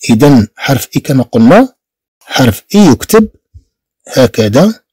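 Moroccan guy teaching beginner french, spells out letters and repeats sounds, lively up and down voice, mellow. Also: mid-range voice, husky, dry recording, studio quality. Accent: Moroccan Arabic. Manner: slow, repetitive spelling-out of sounds.

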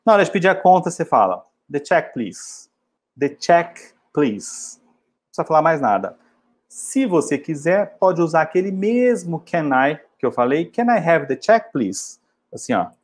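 A man's voice: a little high, sing-song. Man teaching restaurant English. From Brazil. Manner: slow, drilled model phrases in English between casual explanations. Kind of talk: travel English lesson.

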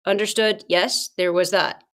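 A woman's voice: medium pitch, steady tone, a little slow, a bit bright. A middle-aged woman hosting a podcast, telling casual personal stories in a chatty way and calling her listeners "guys". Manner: chatty, addresses listeners as "guys", many fillers and asides. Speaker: podcast host.

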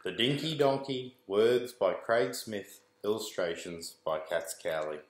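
A man in his forties, a school staff member, reads a rhyming picture book aloud to children in a rhythmic sing-song. His voice sits on the low side, with lively intonation and a slightly slow pace. The small, bare-walled room gives a roomy echo, and there's slight background noise.

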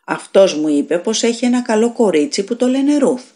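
A woman reading a fairy tale aloud, voicing a gentle, mysterious young man who speaks softly, calmly and kindly. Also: a little high, voice pushed up, lightly acted. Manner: soft, calm and kind.

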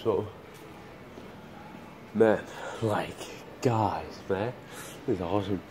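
A man's voice: fairly low pitch, slow, a little mellow, slight background noise. A man vlogging casually from inside a store, rambling and stumbling over restarts, recording on a handheld phone. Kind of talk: casual vlog chat. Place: indoors in a store.

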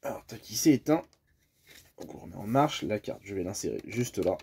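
A man from France, fairly low-pitched with a gravelly, dark and expressive voice, casually explains at a moderate pace how a bus tachograph works. Friendly and talkative, he hesitates often and uses many fillers, over a slight hiss or hum.

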